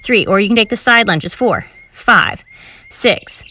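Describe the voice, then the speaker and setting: A woman's voice: mid-range voice, unhurried, bright, forceful tone, no room sound, recorded from a distance. A woman leading a home cardio workout, counting reps and cueing moves while exercising, slightly out of breath. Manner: encouraging, counts reps aloud while moving. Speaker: fitness instructor. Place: filmed outdoors in public.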